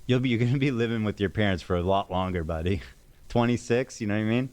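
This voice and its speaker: A man in his forties with a slightly low voice rants like a podcast host. He is sarcastic and crude, and swears casually. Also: fast, a little mellow. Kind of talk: casual talk show rant.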